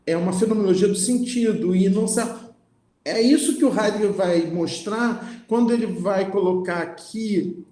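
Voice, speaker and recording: Guy lecturing on philosophy, kinda high voice, keeps saying né, echoey room. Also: normal speed, warm tone. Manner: reads passages aloud, then comments with frequent "né?" and restarts. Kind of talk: lecture, reading and explaining a text.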